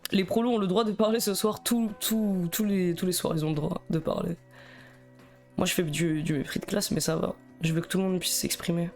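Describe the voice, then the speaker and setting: A man's voice: high-pitched, fairly even intonation, brisk, darkish tone, soft background music. A young man with a Belgian French accent chatting casually on a live stream, nervous and self-mocking, stammering and rambling between laughs.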